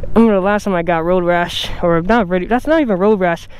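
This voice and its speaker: A young man vlogs outdoors into a camera mic, cursing and making fun of himself while he's in pain, in casual talk aimed at the camera. His voice is high and darkish, he talks fast, and there's a little hiss or hum in the audio.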